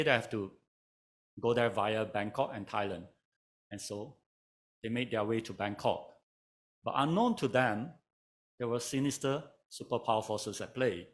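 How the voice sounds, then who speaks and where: A man from Malaysia, giving a measured conference talk as a panel speaker, told like a story with touches of dry humor. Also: medium pitch. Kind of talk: conference lecture.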